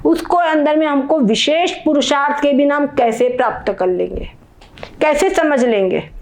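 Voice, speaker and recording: A woman's voice: sits high, normal speed, a little mellow. A woman giving a spiritual discourse, explaining patiently and often checking that her listeners follow. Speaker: spiritual teacher.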